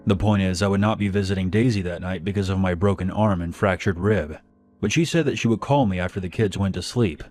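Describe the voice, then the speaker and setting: A man narrating a first-person horror story in a calm, plain manner. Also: sits low, fairly quick, a little hiss or hum.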